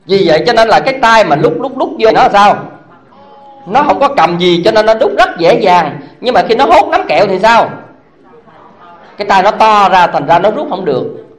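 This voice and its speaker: Lively high-voiced monk giving a sermon. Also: male voice. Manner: animated, asks the audience rhetorical questions; chuckles as he talks. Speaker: Buddhist monk. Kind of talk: dharma talk to a congregation.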